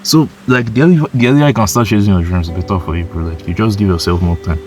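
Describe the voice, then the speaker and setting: Low-voiced young man giving blunt advice. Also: quick pace, a little mellow, soft background music. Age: 20s. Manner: blunt, swearing, heavy use of "like" and "bro"; insistent, repeats points for emphasis. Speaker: motivational YouTuber. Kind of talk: casual motivational monologue.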